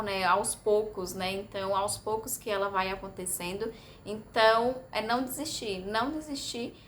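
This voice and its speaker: Slight hiss or hum sits under this Brazilian woman's somewhat high, bright voice as she vlogs to camera about learning languages. Her casual talk is chatty and hesitant, sprinkled with tag questions and filler sounds.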